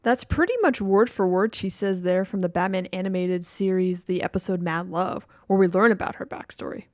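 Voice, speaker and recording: A woman's voice: lowish voice, steady tone, moderate pace, a little mellow, no room sound. Woman host, casual commentary, dry sound. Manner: enthusiastic fan, exclaiming. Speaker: video host. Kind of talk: casual reaction commentary on game audio.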